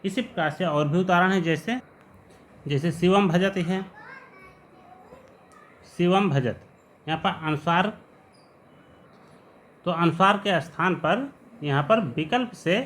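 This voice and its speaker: A man teaching Sanskrit grammar in a patient lesson, repeating each example word slowly. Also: high voice, animated, a bit bright. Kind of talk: explanatory lesson.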